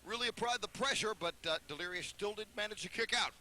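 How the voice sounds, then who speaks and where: A man giving excitable play-by-play wrestling commentary, calling moves in clipped phrases. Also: sits high, fast, slight background noise.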